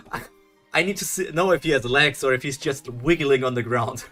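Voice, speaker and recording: A young man from Germany with a German accent streams a live webtoon reaction in a mid-range voice, pushed and bright, at a normal speed, faint music in the background. He's chatty, thinks aloud, restarts and chuckles, and replies to his chat.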